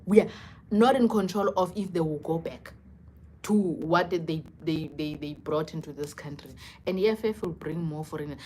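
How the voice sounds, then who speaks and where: A woman's voice: low-pitched, moderate pace, a little hiss or hum. A young woman with a South African accent chatting casually and expressively on a livestream, slipping between English and local languages. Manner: expressive, conversational. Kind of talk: casual live chat.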